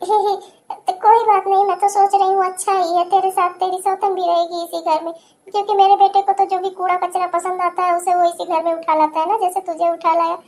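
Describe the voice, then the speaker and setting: A scornful middle-aged mother-in-law in a cartoon, put on by a woman who scolds and mocks. The voice sits very high. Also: little pitch movement, fairly quick, darkish tone. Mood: mocking. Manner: taunting, scolding.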